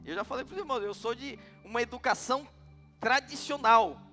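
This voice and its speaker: A man's voice: very high-pitched, brisk, bright, forceful tone, long reverb tail, soft background music. A middle-aged man with a Brazilian Portuguese accent preaching a sermon, telling stories and asking the congregation questions. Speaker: pastor.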